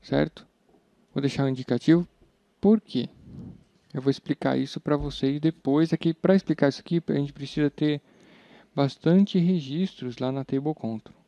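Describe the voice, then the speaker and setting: A man's voice: fairly high pitch, moderate pace, vocal fry, dark tone, no echo. A man with a Brazilian accent teaching programming in a casual screen-recorded tutorial, chatty and informal, thinking aloud as he works. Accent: Brazilian Portuguese. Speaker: programming instructor. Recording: dull, slightly lo-fi sound.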